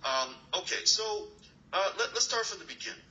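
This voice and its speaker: A man's voice: high voice, expressive, a little fast, bright, forceful tone, dull audio, a little hiss or hum. A man hosting an online class and interviewing a guest over a video call, talking earnestly with many fillers and restarts. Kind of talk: motivational talk and interview. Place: new location, dim room.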